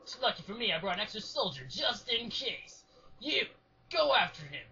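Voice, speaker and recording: A man's voice: sits high, big pitch swings, normal speed, sharp tone, heavily acted. A man voicing a pompous, blustering imperial officer in a comedy fan dub. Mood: smug. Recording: dull lo-fi sound with faint hiss.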